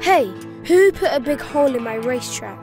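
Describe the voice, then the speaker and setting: A woman's voice: sits high, lively intonation, brisk, music in the background. A woman voicing a speedy, chirpy alien runner in a cartoon toy play, breezy and boastful. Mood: breezy confidence.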